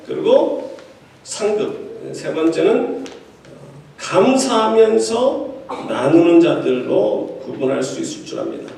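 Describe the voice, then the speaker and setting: A male pastor with a high, gravelly voice delivers a sermon in a chatty way, throwing quips at his congregation. He sits well back from the mic, and a big echo fills the church around him. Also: darkish tone. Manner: conversational preaching with quips to the congregation. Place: church sanctuary. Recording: echoey hall, distant mic.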